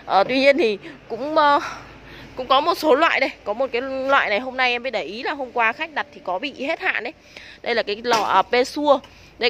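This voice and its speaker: A woman with a northern Vietnamese accent and a fairly bright tone gives a casual, hard-selling product walk-through at a covered plant nursery and shop. It's recorded on a handheld phone behind the camera, so the audio is noisy with ambient sound.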